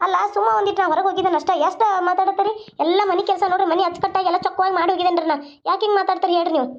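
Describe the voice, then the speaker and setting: A woman's voice: extremely high pitch, flat delivery, racing. Woman doing a weary, defiant young daughter-in-law. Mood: protesting. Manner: complaining, protesting. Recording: dull lo-fi sound.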